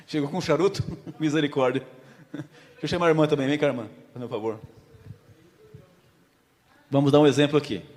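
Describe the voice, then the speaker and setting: A man preaches to his congregation, acting out a story and throwing questions at the listeners. His voice sits somewhat high for a man. It rings out with a long reverb from the church hall. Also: a little fast, long pauses, darkish tone. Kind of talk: sermon with a volunteer illustration.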